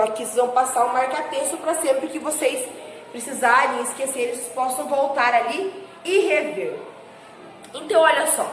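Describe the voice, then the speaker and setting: A woman with a Brazilian Portuguese accent teaching a class of young children, who slows down and stresses words as she reads sentences aloud. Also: sits high, a little hiss or hum. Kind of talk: recorded class lesson for children. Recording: echoey room with faint ambience.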